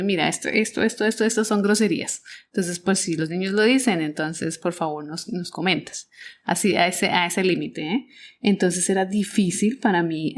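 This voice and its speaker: Lower-pitched Colombian woman telling teaching stories. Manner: reflective, repeats words and restarts often. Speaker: podcast host, teacher. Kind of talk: personal storytelling podcast.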